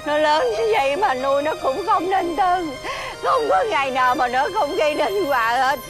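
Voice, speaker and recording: An actress playing an exasperated middle-aged mother in a TV fairy-tale drama, with a shrill, scolding, wailing manner. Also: animated, moderate pace, over music. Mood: fretting.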